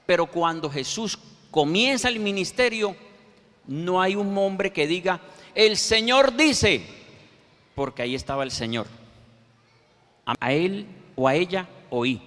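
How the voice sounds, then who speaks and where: A man preaching a sermon, quoting scripture verses with slow, emphatic pauses. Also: high-pitched, expressive, a bit bright. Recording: reverberant hall.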